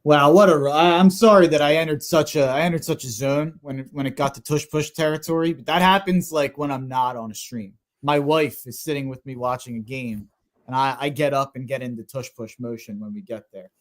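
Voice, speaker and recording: A man co-hosting a live sports stream who talks in a rambling, animated way and says "like" a lot. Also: medium pitch, brisk. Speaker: co-host. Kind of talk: casual sports chat.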